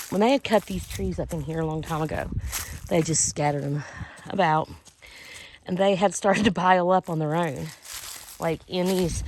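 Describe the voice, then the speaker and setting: A woman giving a casual, folksy walking vlog, talking to viewers in a halting, rambling way. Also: lowish voice. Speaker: vlogger and outdoor guide. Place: outdoors on a rural field and hollow trail. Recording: outdoor handheld recording with faint noise.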